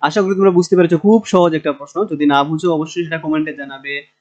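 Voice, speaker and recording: A man with a Bangladeshi Bengali accent giving a recorded linguistics lecture, drawing out example words slowly and pausing with fillers. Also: on the high side, steady tone, darkish tone, highs cut off. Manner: slow, drawn-out sounding of example words with hesitant fillers.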